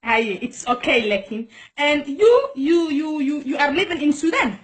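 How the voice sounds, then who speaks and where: Speaking in broken English, a high-pitched woman from Djibouti whose first language is Somali runs a relaxed live-stream chat. Her intonation is lively and her pace moderate as she repeats herself and urges her guest along.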